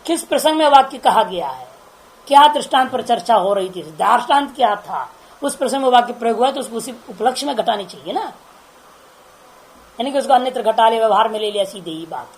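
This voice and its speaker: A woman's voice: on the high side, animated, brisk, rough recording. A woman spiritual teacher giving an informal religious discourse, chatty and laughing, often checking with listeners through rhetorical questions.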